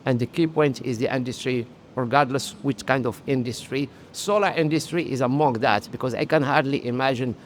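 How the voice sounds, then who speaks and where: A middle-aged man from Morocco speaking earnestly as an interview guest at a solar trade conference, often pausing with "I would say" to find his words. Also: mid-range voice, slight background noise. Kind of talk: casual interview talk.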